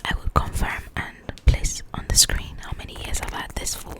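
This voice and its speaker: As an ASMR host, a woman talks straight to her viewers in a breathy, unvoiced whisper, rambling in a casual, informal way at normal speed.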